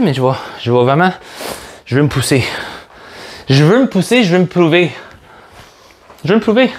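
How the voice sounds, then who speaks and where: A man with a Québécois French accent, leading a workout as a fitness coach, upbeat and joking as he counts reps aloud. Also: fairly high pitch. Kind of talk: guided workout instruction.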